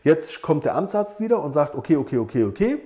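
A man's voice: on the high side, fast talker. A man teaching as an instructor, reviewing an oral exam protocol for his students and talking to them directly in a conversational way. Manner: conversational, animated, addresses listeners directly. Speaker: instructor for naturopath exam preparation.

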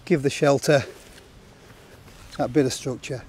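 A man in his forties calmly talking through a camping setup, step by step, in an open meadow outdoors. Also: mid-range voice, unhurried, a little hiss or hum. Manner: plain, matter-of-fact instructional talk. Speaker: outdoor gear vlogger.

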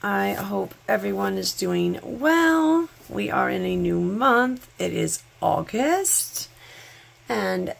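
Congested from a cold, a nail channel host unboxes products on a table top in her home nail studio for a sponsored vlog. She chats effusively and thanks her viewers, speaking slowly in a mid-range voice with lively intonation and vocal fry.

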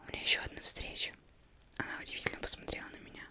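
A woman's voice: racing, bright, forceful tone. Young woman whispering right in your ear. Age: young adult. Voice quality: unvoiced, breathy whisper. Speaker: ASMR reader. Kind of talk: ASMR whispered reading of a novel. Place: indoors, plain studio backdrop. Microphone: close microphone.

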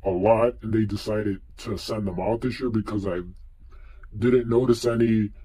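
A young man reviews a mask in a casual vlog, speaking through a face mask in a relaxed, rambling way with lots of fillers. His voice is on the low side and slightly rough, at a normal speed.

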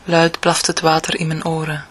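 A woman with a Flemish accent reading her own poetic picture book for adults, slowly and intimately, often half-whispering. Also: low-pitched, monotone, slight background noise. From Belgium.

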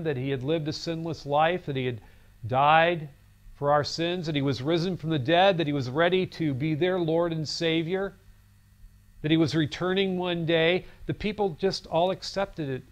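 Speaking at normal speed in a slightly high, steady voice, a fifty-something man delivers an earnest seminary lecture on a studio classroom set. He tells a story and gestures as he goes, captured by a lapel mic.

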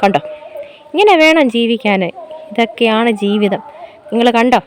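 A woman's voice: on the high side, expressive, normal speed, a little hiss or hum. A homemaker from Kerala giving a casual walk-and-talk vlog in her garden, chatting to viewers and often asking them to look. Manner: chatty, keeps prompting viewers to look, playful mock laments. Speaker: homemaker and vlogger. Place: outdoors in a home garden.

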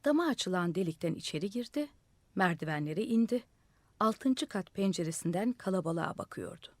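Female audiobook narrator, theatrical and lively, dry close studio sound. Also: lowish voice, brisk, dry recording. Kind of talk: expressive storybook narration. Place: radio studio.

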